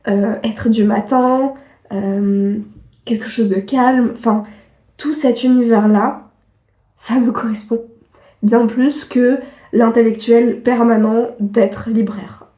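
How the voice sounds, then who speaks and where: A woman's voice: a little high, steady tone, slow pace, mellow. A young woman vlogging casually to camera, sniffly with a cold, chatty and self-mocking, full of fillers. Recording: echoey room.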